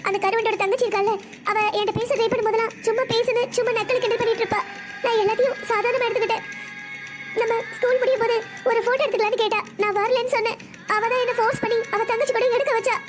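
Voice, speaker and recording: A woman's voice: extremely high pitch, steady tone, very fast, loud music behind the voice. A woman voicing a heartbroken seventeen-year-old girl in a family cartoon, complaining through tears. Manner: tearful, complaining. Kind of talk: cartoon voice acting.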